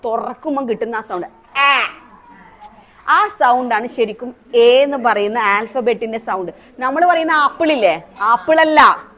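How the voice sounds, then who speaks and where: A woman's voice: high voice, fairly bright tone. A woman Montessori trainer with a Kerala accent, teaching a teacher training class and asking the trainees questions. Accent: Malayali, Kerala. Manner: asks the class questions, demonstrates sounds.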